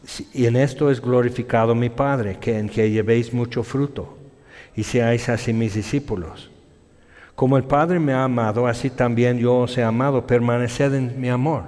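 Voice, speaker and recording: A man preaching a sermon, telling stories in an animated way and voicing other people in his quotes. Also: mid-range voice, moderate pace. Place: church hall. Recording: long hall reverb.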